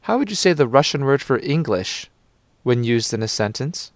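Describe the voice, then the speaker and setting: Guy narrating a language lesson, calm and patient, dry close sound. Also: medium pitch, moderate pace, no echo. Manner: calm, patient, prompting the listener to repeat. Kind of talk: scripted instructional narration.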